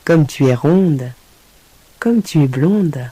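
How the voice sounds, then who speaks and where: A woman voicing a sly, flattering male fox in a storybook reading, pretending to be old and deaf and drawing out his words. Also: low voice, slow pace, pitched below the performer's own voice, low-quality recording.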